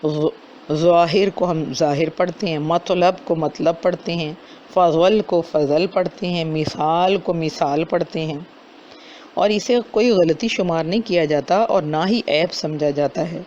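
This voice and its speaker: A man giving a lesson on correct recitation, stopping to sound out words slowly as examples. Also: a little high, darkish tone. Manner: slows down to demonstrate correct pronunciation. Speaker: Quran recitation teacher. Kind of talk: explanatory lesson with demonstrated recitation. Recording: dull lo-fi recording with faint noise.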